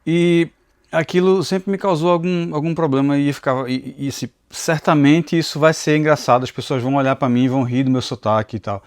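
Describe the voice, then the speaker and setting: A Bible teacher and channel host from Northeast Brazil, whose accent blends Recife with inland Pernambuco, gives an earnest, confessional devotional talk recorded on a phone camera. His voice runs on the high side with a darkish tone, fairly even intonation, and a slightly fast pace. The sound is dry and studio-clean.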